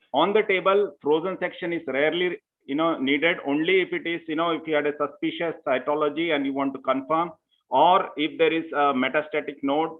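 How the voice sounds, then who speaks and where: A man, a surgeon giving a conference lecture in a methodical, step-by-step way, often saying "you know" as he goes. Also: fairly high pitch. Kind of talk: medical lecture. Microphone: remote call line. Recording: tinny phone-like call audio.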